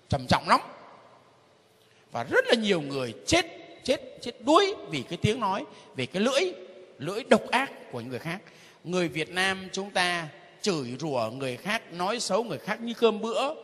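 A man's fairly high, husky voice rings through a hall with a long echo as he teaches like a priest. He is middle-aged and emphatic, hammering phrases again and again and chuckling between points. His pitch swings widely from line to line. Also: a bit bright. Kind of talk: informal catechism teaching.

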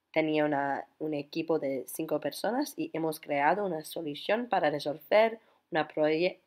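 A young woman with a deep voice, a native English speaker, vlogs her travels to camera in learner's Spanish, slipping up and restarting as she goes. She's outdoors in a city, holding her phone at arm's length, and the sound has no echo.

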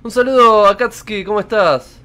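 Greeting viewers during a live game stream, an Argentine-accented man in his thirties talks casually from a purple-lit indoor room. He has a high, pushed, bright voice at a normal speed.

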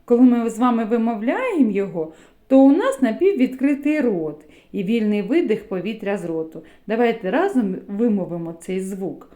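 A woman teaching a phonics lesson to small children, speaking slowly and clearly in a sing-song way. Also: mid-range voice, very animated, warm tone. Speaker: preschool teacher.

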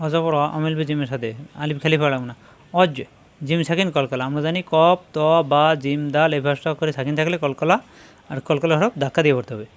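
A Bengali-speaking man gives a patient recitation lesson, breaking words into syllables and stretching them out as he demonstrates. His voice sits a little higher than most men's. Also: steady tone. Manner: slow, drawn-out syllables when modelling recitation. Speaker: Quran recitation teacher. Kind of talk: step-by-step spelling and pronunciation lesson.

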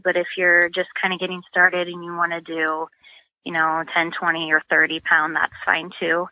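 A woman's voice: medium pitch, no room sound. Chatty woman angler on a dull line. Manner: chatty, practical, many fillers like um and you know. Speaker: guest, sponsored catfish angler. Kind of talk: casual interview explanation.

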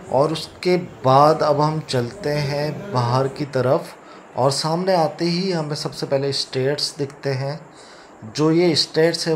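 This is casual travel vlog narration from a host in his thirties with an Indian accent and a slightly high voice. He chats like a tour guide, mixing English words into Hindi. He records on a phone at arm's length in a car, by a lake outdoors and inside a wooden club, and car and street noise make the recording noisy.

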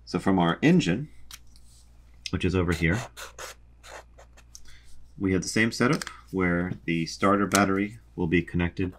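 A young man calmly explains a boat's electrical wiring while drawing a diagram, methodical, with frequent ums. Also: sits low, a little hiss or hum. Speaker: sailing vlogger explaining a boat electrical system.

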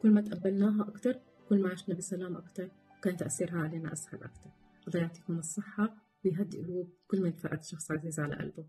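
A woman, giving calm advice on coping with loss. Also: fairly low pitch, racing, breathy edge, faint music behind. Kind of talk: reflective talk on coping with loss.

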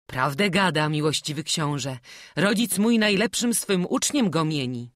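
A woman's voice: low voice, expressive, a little slow, no echo, studio quality. A woman voicing a humble, eager young carver addressing a prince with deference, in an audiobook.

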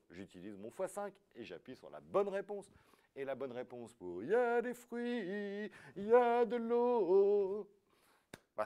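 A man hosting a live quiz show, reading questions and scores with playful joking asides. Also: medium pitch.

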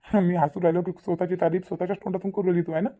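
Very low, dark, rapid woman's voice. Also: little pitch movement. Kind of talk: Marathi cartoon voice acting.

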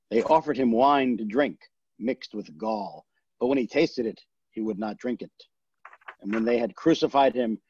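A man reads scripture aloud for a worship service, steady and solemn in his pacing. His voice is husky and somewhat breathy, and it sits mid-range in pitch. The sound is dry and a little muffled, with no room ring around it. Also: dry recording. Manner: measured, solemn reading. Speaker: scripture reader.

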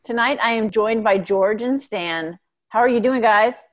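A woman's voice: fairly high pitch, unhurried. A woman hosting a podcast, chatting casually with her guests. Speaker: podcast host.

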